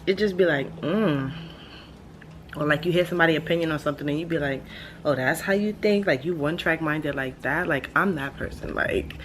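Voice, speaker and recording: A woman's voice: deep voice, fairly quick. A woman in her late twenties talking casually in a laid-back stoner ramble, slangy and blunt, swearing freely as she thinks aloud. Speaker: vlogger. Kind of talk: casual rambling monologue to camera. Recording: steady background ambient noise.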